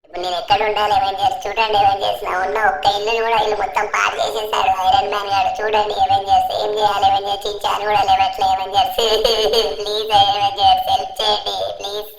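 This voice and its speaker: A woman's voice: mid-range voice, level tone, fast talker, gravelly, few pauses, lightly acted. A woman voicing an anxious young man in a gaming cartoon voiceover, pleading and repeating himself in a panic. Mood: betrayed. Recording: echoey room with faint music.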